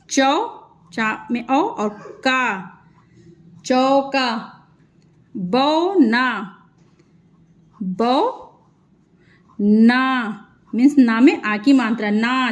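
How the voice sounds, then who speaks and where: High-voiced woman teaching slow syllables. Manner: spells out syllables slowly and stretches each word; patient explaining. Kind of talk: children's Hindi reading lesson.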